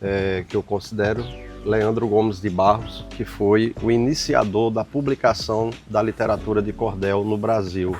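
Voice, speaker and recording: An older man from the Paraíba backlands, an author answering interview questions reflectively, often pausing on "né". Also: on the low side, steady tone, darkish tone, soft background music. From Paraíba sertão, Brazil. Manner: reflective, frequent "né" tags and pauses.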